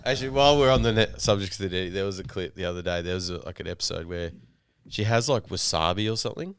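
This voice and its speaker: A man's voice: sits low, fast talker, a bit bright, smooth, no room sound, studio quality. A man co-hosting a podcast, chatting casually and teasing his friends with jokes. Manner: jokey, teasing. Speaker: podcast co-host. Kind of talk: casual chat.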